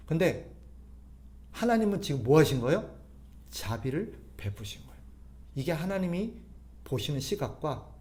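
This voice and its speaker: A man preaching a sermon as pastor, asking the congregation rhetorical questions and swinging between loud emphasis and soft drops. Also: a little high.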